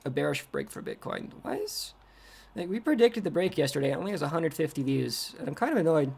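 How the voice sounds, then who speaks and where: Man, casual livestream chat, rambling, self-mocking, somewhat high voice. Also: very animated, quick pace, vocal fry, darkish tone, husky. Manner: rambling, self-mocking, reacts aloud to his screen. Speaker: crypto trading streamer.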